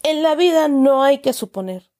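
A woman voicing a stern, pompous middle-aged uncle who loudly lectures children with exaggerated indignation. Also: sits high, expressive, moderate pace, voice pushed up. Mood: scolding. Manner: loud, scolding, exaggerated indignation.

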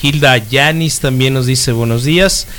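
A man's voice: mid-range voice, unhurried, fairly bright tone, slight background noise. A man co-hosting a casual talk show, reading out listener comments and making dry quips. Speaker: co-host. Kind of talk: casual chat.

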